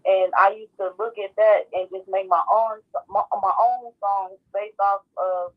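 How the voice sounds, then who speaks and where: A woman's voice: medium pitch, fairly even intonation, measured pace, lo-fi sound. A woman from Texas, a guest, talking in a plain, matter-of-fact way about her life story. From Garland, Texas. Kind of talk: personal storytelling.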